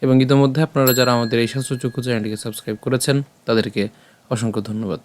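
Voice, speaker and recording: Man slowly spelling out a verse. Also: mid-range voice, level tone. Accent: Bengali. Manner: slow syllable-by-syllable chanting of verses. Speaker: Sanskrit recitation teacher. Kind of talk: step-by-step pronunciation lesson.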